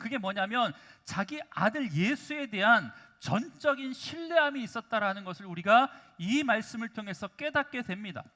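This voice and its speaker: A male pastor preaches in a church sanctuary, his extremely high voice sounding pushed and bright. Calling out to the congregation is common in his delivery, as are rhetorical questions.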